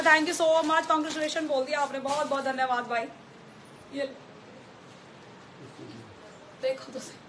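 Chatty high-voiced woman selling clothes live. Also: pushed and bright, slight background noise. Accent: Delhi Hindi with English mixed in. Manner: chatty, repeats prices, teasing asides. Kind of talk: live sales stream.

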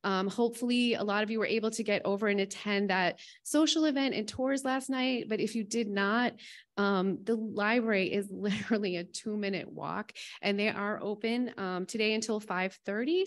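A woman's voice: mid-range voice, moderate pace. A woman from Massachusetts giving a conference welcome speech with announcements, chatty and joking, laughing between lines into a podium mic in a conference room.

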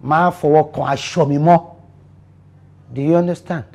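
A man's voice: a little high, steady tone, moderate pace, darkish tone. An actor with a Nigerian accent playing a young man who lectures his housemate and then pleads with his girlfriend. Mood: bossy. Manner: code-switching, bossy, then stammering and pleading. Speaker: fiancé in a domestic drama.

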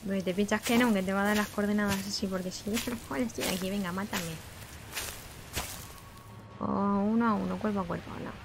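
Woman, young adult, casual game commentary, mid pitch, noisy recording. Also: fairly even intonation, fast talker, few pauses. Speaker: game streamer. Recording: noisy, game sound behind.

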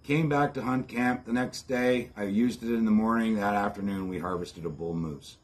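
A man's voice: on the low side, normal speed. Folksy middle-aged Ontario man. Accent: Ontario Canadian. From Ontario, Canada. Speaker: host of outdoor preparedness channel. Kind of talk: casual how-to demonstration to camera. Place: covered backyard patio, outdoors.

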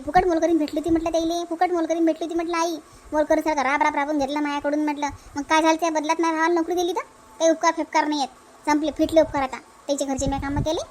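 A woman's voice: sits high, a little mellow, a little hiss or hum, close to an everyday voice. A woman voicing a defiant young married woman in a cartoon dub, with a Varhadi Marathi accent and an aggrieved, insistent way of speaking. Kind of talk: cartoon dubbing.

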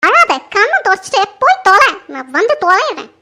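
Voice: very high voice, very animated, fairly quick, bright, forceful tone, full character voice. A performer voicing an arrogant young daughter-in-law who scolds and threatens in a family drama skit. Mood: scornful.

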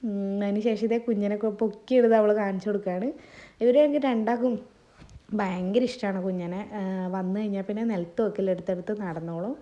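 A family vlogger narrates to her viewers on a phone mic, chatty and rambling, her voice wavering from a sore throat. She talks fast in a steady, medium-pitched, dark tone, and the audio sounds dull.

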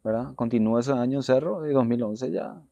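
A man, a former footballer telling his story as an interview guest; he talks earnestly, repeats his phrases and often drops to a soft low voice. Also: brisk, gravelly. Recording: dull dry studio sound.

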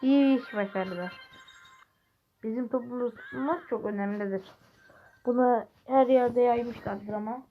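A woman giving casual, joking gameplay commentary, excitable and trash-talking her teammates, speaking close to the mic. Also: a little high, measured pace, long pauses. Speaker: gaming video creator. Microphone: close desk mic. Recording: muffled lo-fi mic with faint hiss.

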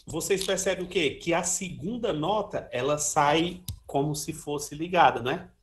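A man whose voice is a little high and a little slow gives a casual trombone lesson. He chats freely and sings short syllables to demonstrate articulation, often adding "ó" and "né," as he would in an informal music lesson.

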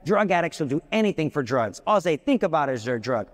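Passionate high-voiced man in a reverberant hall. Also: very animated, brisk. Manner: passionate and emphatic, with big swings in pitch; joking asides. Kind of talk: live devotional talk.

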